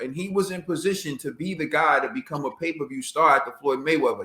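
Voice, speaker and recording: Male podcast co-host, bright forceful voice, roomy echo, emphatic casual boxing talk. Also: mid-range voice. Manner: emphatic, animated, laughs often.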